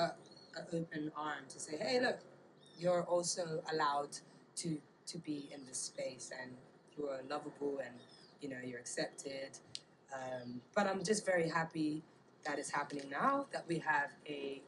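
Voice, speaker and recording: Low-pitched woman, thoughtful and halting. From Bermuda. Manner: thoughtful, halting, searching for words. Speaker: interviewee. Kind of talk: casual reflective interview talk. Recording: clear background ambient noise.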